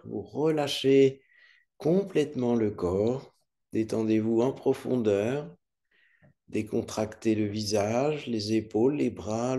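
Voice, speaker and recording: A man leading a guided meditation as a yoga nidra instructor, calm, soothing and unhurried, with long pauses. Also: medium pitch.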